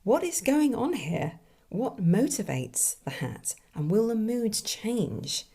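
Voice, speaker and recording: Woman, podcast host, slow unhurried delivery, husky mellow tone, musing and enthusiastic. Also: mid-range voice, sing-song. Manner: musing, enthusiastic commentary with soft asides. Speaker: podcast host and fantasy author. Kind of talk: reading listener submissions and commenting.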